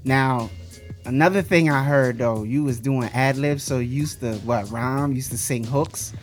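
A man's voice: mid-range voice, moderate pace, faint music behind. Casual probing male radio host. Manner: casual, probing, pushes for answers. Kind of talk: radio interview.

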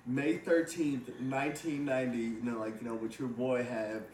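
A man's voice: mid-range voice, level tone, moderate pace, darkish tone, a little hiss or hum. A man in his twenties hosting a casual, profane podcast chat, rambling with constant "like" fillers. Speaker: podcast host. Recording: echoey room, distant mic.

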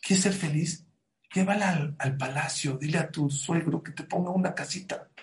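A man voicing a blunt male friend who gives advice in a hushed, confiding tone. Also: fairly high pitch, normal speed, voice pushed up, lightly acted.

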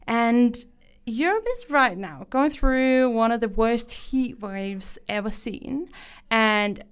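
A young Danish woman with a Danish accent hosts a casual podcast, chatty and enthusiastic, with frequent fillers. Her voice is a little high, slow and smooth.

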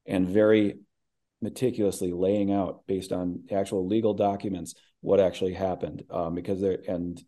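A voice actor from the American Midwest talks about his work as an interview guest. His low, mellow voice comes across as thoughtful, and he rambles with many restarts.

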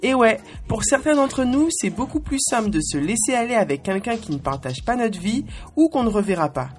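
A woman's voice: a little high, lively intonation, fairly quick, faint music behind. A woman in her twenties hosting a podcast, with a playful, cheeky scripted monologue spoken straight to the listener. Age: 20s. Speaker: podcast host.

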